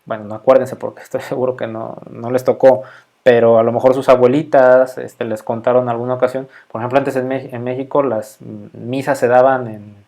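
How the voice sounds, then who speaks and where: A man's voice: mid-range voice, level tone, fairly quick, vocal fry, a little mellow. Mexican male lecturer, middle-aged, conversational and filler-heavy, keeps checking in with the class. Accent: Mexican Spanish. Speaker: university microbiology lecturer. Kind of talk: casual recorded lecture.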